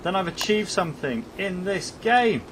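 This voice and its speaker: Chatty gamer with a noisy background. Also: male voice, high voice, moderate pace. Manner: jokey, chatty, talks to his in-game pet, jumps between excitement and panic. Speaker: gaming YouTuber. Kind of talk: let's play commentary.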